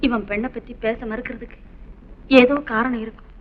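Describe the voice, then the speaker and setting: An actress plays a forthright young woman who keeps pressing with questions and pleas. Her voice is high and quick. The sound is a dull old film soundtrack. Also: level tone, slight background noise, lightly acted. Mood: insistent. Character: bold young woman, cousin of the wealthy house. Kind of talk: 1960s film melodrama acting.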